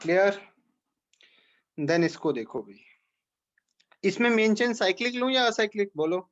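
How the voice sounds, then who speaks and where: A man's voice: high voice, lively intonation, unhurried, lo-fi sound. A man teaching an organic chemistry class, explaining step by step and checking in with questions to his students. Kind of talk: classroom lecture.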